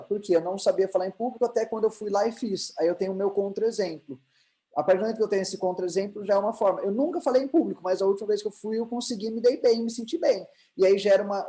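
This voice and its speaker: A man's voice: sits high, warm tone, low-quality recording. A man with a Brazilian Portuguese accent giving an online lecture, asking rhetorical questions and answering them himself, with frequent restarts. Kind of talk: online lecture on emotional intelligence.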